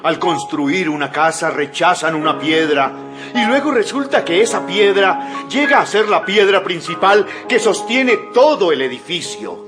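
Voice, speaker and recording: An actor playing the bold apostle Peter in a dramatized audio Bible, declaiming fervently and emphatically. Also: male voice, high voice, animated, unhurried. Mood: bold, accusing. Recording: music bed behind the voice.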